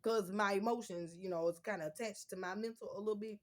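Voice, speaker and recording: A woman's voice: mid-range voice, steady tone, quick pace. A woman in her thirties venting on her own video channel in a blunt, profane, heated way, her nose running. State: runny nose. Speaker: YouTuber. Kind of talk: unfiltered storytime vlog.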